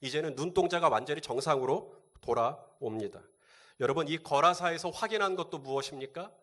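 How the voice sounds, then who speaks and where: A man's voice: on the high side, a little fast, fairly bright tone. A male pastor delivering a sermon, asking the congregation rhetorical questions and answering them.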